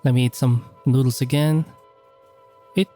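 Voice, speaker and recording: A man's voice: mid-range voice, steady tone, a little slow, dark tone, faint music behind. A man giving commentary while playing a horror game, jumpy and nervous, cursing often. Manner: jumpy, swears a lot, nervous exclamations. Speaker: gamer.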